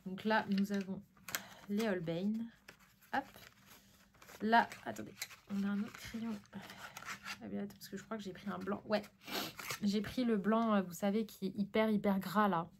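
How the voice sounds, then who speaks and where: A woman's voice: mid-range voice, normal speed, long pauses, background noise. Chatty sniffly French woman vlogger. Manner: chatty, excitable, frequent fillers and sniffing. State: sniffly, ticklish nose. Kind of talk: casual unboxing chat.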